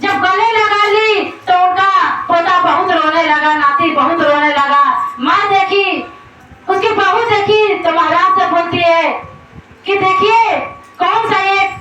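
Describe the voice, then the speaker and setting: A very high-pitched woman tells a devotional folk tale in a plain, repetitive way, circling back over her own words. She sits well away from the mic in a heavily echoing space, with clear noise underneath. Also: a little slow, lo-fi sound. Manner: plain, repetitive spoken retelling. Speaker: storyteller. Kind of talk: devotional folk story narration. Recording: very echoey, from far off, noisy.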